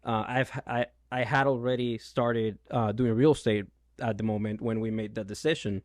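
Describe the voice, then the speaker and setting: A Venezuelan realtor in his thirties, with a Venezuelan Spanish accent, answers questions as a guest in a casual interview, full of ums and restarts. His mid-range voice is fairly even at a moderate pace, recorded dry in studio quality.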